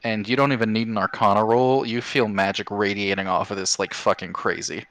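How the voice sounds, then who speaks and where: A man's voice: on the low side, steady tone, brisk, fairly bright tone, no room sound. A man narrating a tabletop game as game master, in an informal, sweary way.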